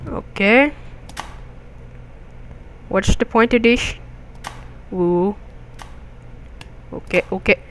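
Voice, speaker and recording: A young man hosting a gaming video, giving jokey, excitable commentary with crude outbursts as he plays. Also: high-pitched, extremely slow, pauses often, slight background noise. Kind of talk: gameplay commentary.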